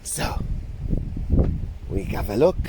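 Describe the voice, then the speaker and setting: A man voicing a chatty, excitable girl doll in a slow drawl, savouring and repeating phrases as the doll gives a playful tour for a children's video. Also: very noisy, lightly acted. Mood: excited, showing off.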